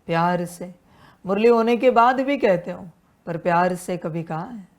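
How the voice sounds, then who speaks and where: A woman's voice: on the low side, a little slow. A woman giving a devotional sermon as a spiritual teacher, admonishing her listeners as children with repeated refrains and rhetorical questions.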